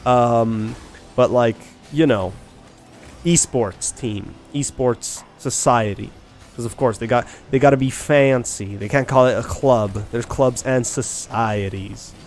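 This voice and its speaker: Speaking slowly in a mid-range, somewhat dark voice, this young adult from Ireland rambles to his game-stream audience, restarting often and asking questions as he thinks aloud. There's a little hiss or hum on the recording, plus faint background beats.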